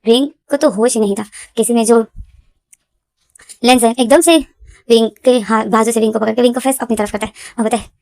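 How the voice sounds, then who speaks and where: A woman's voice: fairly high pitch, steady tone, fairly quick, gravelly, darkish tone, no echo. A woman casually narrating a story in a dramatic way that repeats itself. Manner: repetitive, dramatic retelling. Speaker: fanfiction storyteller.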